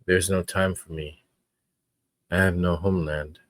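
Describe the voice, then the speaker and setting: A man hosting his own podcast, talking in an earnest, reflective way with frequent pauses. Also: sits low, steady tone, fairly bright tone, dry recording. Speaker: podcast host. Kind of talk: casual podcast commentary.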